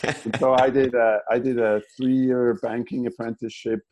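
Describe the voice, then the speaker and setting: A man's voice: medium pitch, flat delivery, moderate pace, a little mellow, poor audio. A man from German-speaking Switzerland, an animator guest in a casual interview, who talks in a rambling way with many restarts and fillers.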